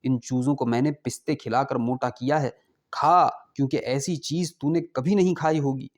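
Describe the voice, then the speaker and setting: A man's voice: medium pitch, fairly even intonation, close to an everyday voice. A man voicing a lavish, mocking rich host who insistently presses food on his guest. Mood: coaxing. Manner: insistent, coaxing.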